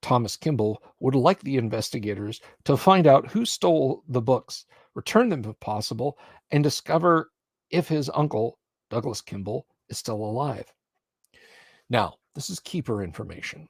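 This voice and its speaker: On a live stream, a mid-pitched man serving as game master reads scenario text aloud and comments on the rules. He sounds animated at a moderate pace, recorded close and very dry.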